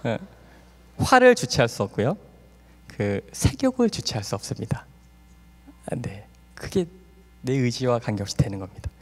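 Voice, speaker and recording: A man's voice: medium pitch, huge pitch swings, measured pace, long pauses. A middle-aged man, a doctor, giving a testimony talk at a church camp, acting out family dialogue with laughter. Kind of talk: sermon testimony. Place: large hall at a church camp. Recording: long hall reverb.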